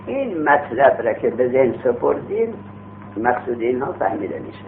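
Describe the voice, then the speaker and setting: A man lecturing on a grammar text in a lively, rising-and-falling voice. He asks questions and answers them himself, drawing on street examples. The sound is thin and phone-like, with a faint hum underneath. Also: medium pitch. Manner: uses everyday street examples and acts out vendors calling. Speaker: teacher of Arabic grammar.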